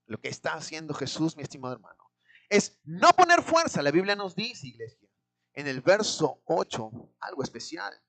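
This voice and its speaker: A preacher with a Peruvian accent gives a dramatic sermon, asking the congregation rhetorical questions and often calling out "my dear brother", with sudden swings between loud and hushed. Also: mid-range voice, big pitch swings, moderate pace, creaky. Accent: Peruvian Spanish.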